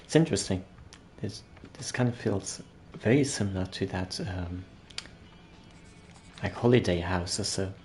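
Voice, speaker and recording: A man's voice: low-pitched, a little slow, pauses often, a little mellow, slight background noise. A man giving casual, chatty commentary while playing a video game. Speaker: gamer commentator.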